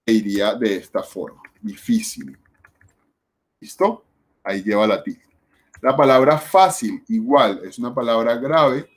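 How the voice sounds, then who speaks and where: A man teaching a spelling lesson, explaining step by step and asking questions, then answering them himself. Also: medium pitch.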